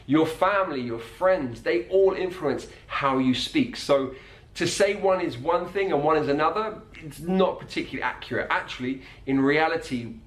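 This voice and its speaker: Calm man explaining accents, roomy sound. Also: a little high, moderate pace. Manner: calm, methodical, demonstrates sounds. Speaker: accent coach.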